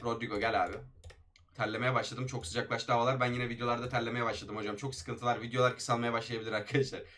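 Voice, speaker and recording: Young guy yelling through game pack openings, fast and bright, all hype then groans. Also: medium pitch. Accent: Turkish.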